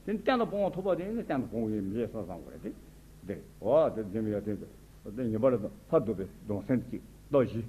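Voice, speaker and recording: A man's voice: lowish voice, sing-song, fast, mellow. A man, a Buddhist teacher, giving an informal spoken commentary on a religious text in short, conversational phrases. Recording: tinny phone-like sound with faint noise.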